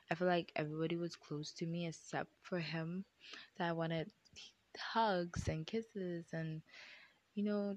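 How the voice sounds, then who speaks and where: A young vlogger with a deep voice chats to viewers about something personal, often calling them "guys" and slipping into whispered asides. There's no echo on the recording.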